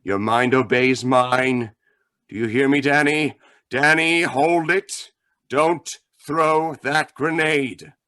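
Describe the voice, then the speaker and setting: An actor playing a commanding, ominous mystery avenger in 1930s radio melodrama style, solemn and theatrical. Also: male voice, mid-range voice, steady tone, slow, pushed and bright. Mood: commanding, urgent.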